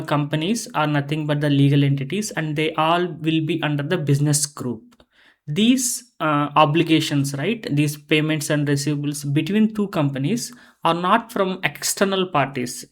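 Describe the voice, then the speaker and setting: Walking through accounting software one step at a time, an instructor with a mid-range voice gives a methodical explanation, frequently restating phrases along the way.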